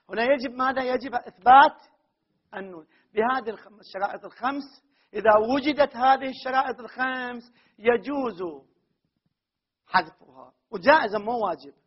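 A man lectures on grammar in a very high, husky voice, repeating each key term and firing rhetorical questions at his students before answering them. The recording is dull and lo-fi. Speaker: grammar teacher. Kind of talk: classroom lecture.

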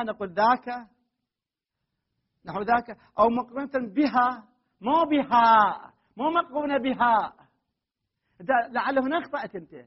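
A man's voice: very high voice, husky. A man teaching a grammar lesson to a class, reading a text aloud and often stopping to question and correct his students firmly. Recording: muffled, dull classroom recording.

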